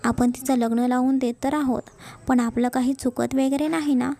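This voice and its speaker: Woman reading a fussy caring mom, high and a bit gravelly, affectionate but bossy. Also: little pitch movement, moderate pace, mellow. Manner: affectionate, scolding. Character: caring middle-aged mother, warm and bossy. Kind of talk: storybook narration.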